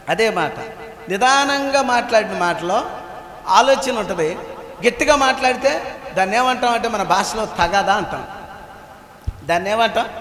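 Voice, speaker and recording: A very high-pitched male pastor delivering a sermon. He poses questions to the congregation, answers them himself and hammers phrases home through repetition. His voice rings through a hall with a long, echoing reverb. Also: a bit bright.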